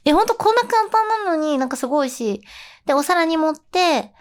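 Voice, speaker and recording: High-pitched chatty woman host. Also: expressive, brisk. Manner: chatty and giggly, sliding between polite and casual talk. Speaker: voice actress hosting a show. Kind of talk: casual chat.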